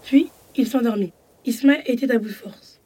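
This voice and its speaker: Calm female narrator, mellow and soft. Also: on the high side, normal speed, husky. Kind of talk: children's storybook narration.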